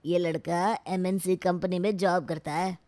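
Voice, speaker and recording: A woman's voice: lowish voice, steady tone, measured pace, no echo, natural voice. A woman doing a kindly middle-aged uncle. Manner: gentle, fatherly. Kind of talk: storybook voice acting.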